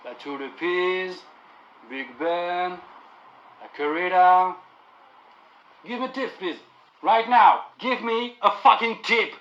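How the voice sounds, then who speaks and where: A man's voice: high-pitched, takes it slowly, long pauses, fairly bright tone, muffled recording, pitched above the performer's own voice. A man playing a bored New York taxi driver who acts friendly to get a tip, in English. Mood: fake-friendly, pushy. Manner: fake-friendly then demanding.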